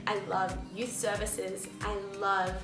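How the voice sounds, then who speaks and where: A woman's voice: medium pitch, flat delivery, takes it slowly. A young woman youth leader talking enthusiastically about what she loves about youth group. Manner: enthusiastic, warm-hearted, bubbly. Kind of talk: casual heartfelt talk. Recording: echoey room with music underneath.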